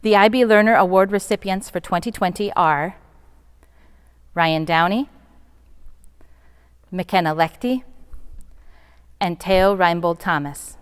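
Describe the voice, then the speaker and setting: A woman reading out award citations and recipients at a school ceremony in a measured, formal way. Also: on the low side, smooth, long reverb tail. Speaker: awards presenter. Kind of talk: formal scripted announcement.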